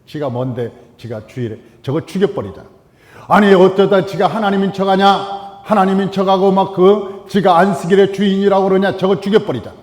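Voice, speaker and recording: A man preaches a sermon from the pulpit of a church sanctuary, pressing his points with repetition and sudden swings between loud and hushed lines. His voice sits high for a man. A long reverb from the hall trails after every phrase. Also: fairly quick. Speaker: pastor.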